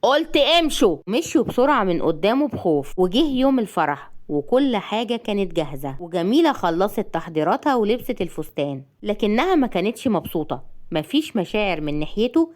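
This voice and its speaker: A woman with an Egyptian accent reading a romance story aloud, brisk and even. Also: medium pitch. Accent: Egyptian Arabic.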